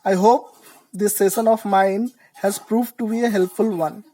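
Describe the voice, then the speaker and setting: A woman teaching an English vocabulary lesson, explaining word roots slowly and deliberately. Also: medium pitch, fairly even intonation, mellow, poor audio.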